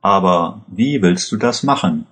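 A worried middle-aged pharmacist, read by a man, speaks in a deep, low register. His questions come slowly and earnestly, weighed down by worry for his son's health. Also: lively intonation, fairly bright tone.

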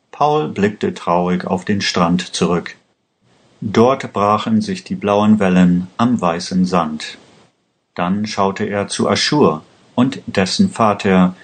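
A man narrating a language-learning story in a slow, careful, even reading. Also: sits low, slightly rough.

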